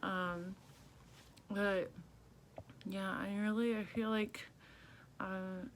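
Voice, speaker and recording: A tired, congested woman vlogging casually and haltingly, with restricted jaw movement as if her mouth were banded shut and swollen. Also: mid-range voice, flat delivery, slight background noise, poor audio. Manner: slow, halting, subdued. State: sore, swollen mouth after jaw surgery. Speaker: video blogger. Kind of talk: casual recovery vlog.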